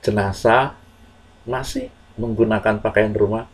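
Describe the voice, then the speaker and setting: A man telling a moral story to children in a slow, earnest, measured way with pauses. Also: fairly low pitch, husky, rough recording.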